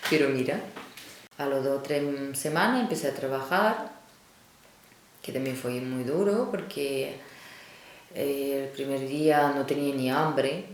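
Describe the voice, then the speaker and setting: A woman in her forties from Ukraine, a non-native speaker telling her life story in an interview, hesitant with frequent fillers. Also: low-pitched. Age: 40s. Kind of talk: personal storytelling. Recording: very echoey room.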